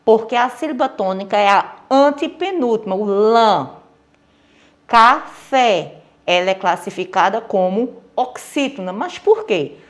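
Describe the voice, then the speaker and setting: A woman teacher with a Brazilian accent gives a recorded lesson to children, patient and repetitive, checking in often and stressing example words slowly. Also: medium pitch, animated. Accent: Brazilian Portuguese. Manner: patient, repeats key points, checks with "certo?". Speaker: primary school teacher.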